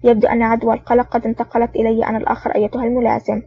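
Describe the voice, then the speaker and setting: A woman reading the lines of a calm, mocking male secret agent in an audiobook. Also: on the high side, racing, gravelly, husky, soft background music. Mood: sardonic. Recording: dull lo-fi audio.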